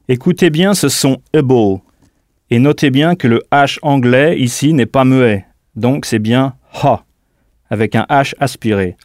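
Man, audio lesson teacher, mid-pitched, dry close studio sound, deliberate and clear. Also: a little mellow, no room sound. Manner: clear, deliberate, spells out words letter by letter. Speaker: language teacher. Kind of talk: scripted audio language lesson.

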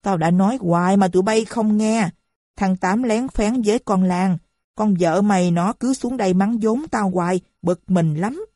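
A woman voicing a sharp-tongued old mother who nags and scolds her household in a shrill tone, in an audiobook reading. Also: moderate pace, no room sound, studio quality, lightly acted. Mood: scolding.

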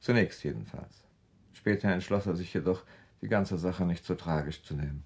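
Creepy cold fiancé, super low husky voice, slow and mocking, old 60s radio play. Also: male voice. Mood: coldly taunting. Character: cold sinister fiancé, taunting and menacing. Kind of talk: 1960s radio drama acting.

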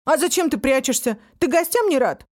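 A woman voicing a bold, cheerful young male friend in a children's story, talking in a playful, loud way. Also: a little high, big pitch swings, moderate pace.

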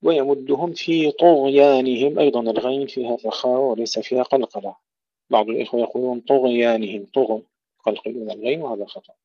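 Male recitation teacher, mid-pitched and mellow, alternates slow chanted verses with brisk correction, dull dry recording. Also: steady tone, no echo. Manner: slow melodic recitation, then brisk explanation of pronunciation errors. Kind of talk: recitation and tajweed lesson.

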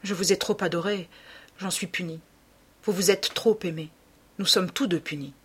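A woman's voice: lowish voice, steady tone, moderate pace, slightly rough. A woman reading an audiobook voices a distraught middle-aged male painter, speaking in an anguished, emphatic way. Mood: pleading.

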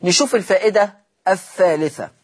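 A man with an Egyptian Arabic accent teaches Quran recitation on a televised lesson, patiently repeating each rule and quizzing his listeners. His voice is high and breathy, and he talks a little fast.

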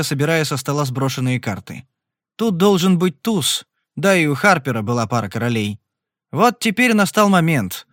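A man's voice: a little high, no echo, studio quality. Male narrator reading a Western. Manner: steady, measured storytelling. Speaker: audiobook narrator. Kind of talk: scripted audiobook narration.

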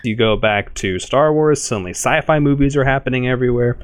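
A man's voice: mid-range voice, a little fast, clear, resonant tone, no echo. A man hosting a podcast, chatting casually about movies and correcting himself as he goes. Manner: animated, self-correcting. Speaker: podcast host. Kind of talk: casual chat.

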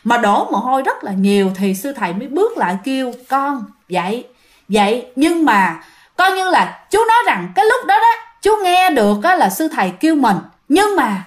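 A woman's voice: high voice, big pitch swings, fairly quick. A young woman with a Southern Vietnamese accent telling a ghost story in a chatty, casual way, talking straight to her listeners. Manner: chatty, addresses listeners, many fillers.

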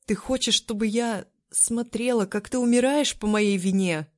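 A woman voicing a fiery young princess raised on the steppe, who bursts out loudly and tearfully. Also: on the low side, moderate pace, no room sound, clean studio sound, natural voice. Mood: distraught. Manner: loud, heated, sobbing outbursts.

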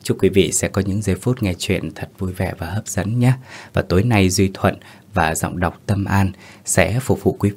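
A man hosting and narrating a scripted horror story in a steady, measured way. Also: deep voice, creaky, breathy edge. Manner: steady, measured storytelling with hesitant asides in the intro. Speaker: host and narrator.

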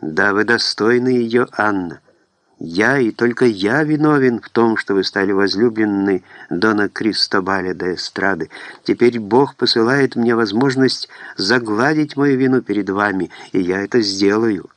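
A man reading an audiobook voices a remorseful young nobleman who confesses his love in an earnest, halting way. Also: on the low side, fairly bright tone, no room sound.

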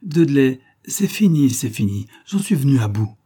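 A man's voice: mid-range voice, a little slow, warm tone, husky. A man reading aloud and voicing a young wife, frightened yet brave, in breathless, pleading outbursts in a storybook. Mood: urgent.

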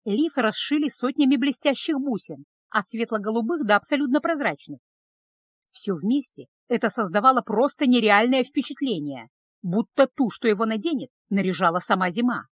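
A woman narrating an audiobook story in an even, expressive reading. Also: fairly high pitch, moderate pace, no echo.

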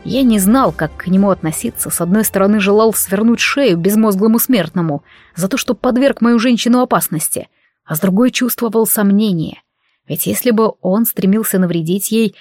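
A woman reading a fantasy audiobook aloud in steady scripted narration. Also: medium pitch, moderate pace, no echo, clean studio sound.

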